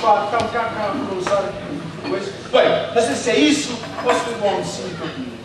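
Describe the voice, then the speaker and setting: A man's voice: sits high, brisk. An actor playing a boastful, greedy man in a live stage comedy sketch, rambling on. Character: boastful greedy middle-aged man, chatty glutton. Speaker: comic actor. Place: large community hall stage. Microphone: stand mic on stage, recorded by far camera. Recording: echoey hall, far mic, noisy.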